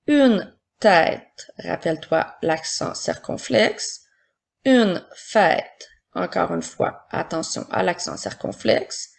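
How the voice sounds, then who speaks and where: A woman teacher with a husky, slightly gravelly voice reads words aloud at an unhurried pace for a children's dictation. She explains each step with patience, as if to first graders. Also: fairly low pitch. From Quebec, Canada. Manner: slow, patient, explaining step by step to young pupils. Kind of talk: recorded spelling and dictation lesson for children.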